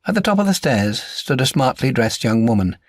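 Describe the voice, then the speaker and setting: A man with a typical male pitch narrates a crime novel, measured and articulate yet somewhat sing-song. The audio is very dry, like an audiobook booth, with no echo.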